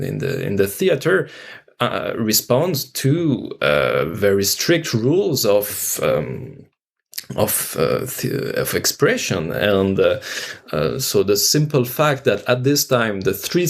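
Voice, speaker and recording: A French-accented actor, interviewed in an unscripted reflective discussion, searches for his words as he goes. His mid-range voice has a creaky edge.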